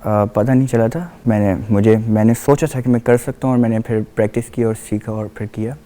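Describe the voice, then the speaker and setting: A man's voice: fairly low pitch, steady tone, warm tone. A young man, a student, interviewed as a guest on a TV morning show and giving short, hesitant answers. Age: young adult. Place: TV studio.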